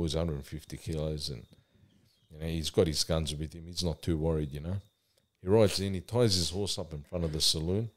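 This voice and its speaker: Very low-voiced man, plain-spoken. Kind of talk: casual chat and unhurried storytelling.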